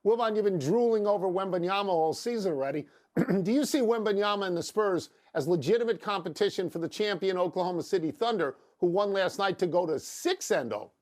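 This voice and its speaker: A man's voice: high voice, fairly quick, darkish tone. An older man co-hosting a sports debate show, needling and sarcastic as he argues and reads stats. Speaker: sports talk show co-host.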